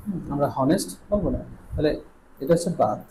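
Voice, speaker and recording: A Bangladeshi man teaching English pronunciation online, stretching out each sound in slow drills and moving between Bengali and English. His voice sits a little high for a man, yet it has a soft, mellow tone. A faint hiss runs under the recording. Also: animated, low-quality recording.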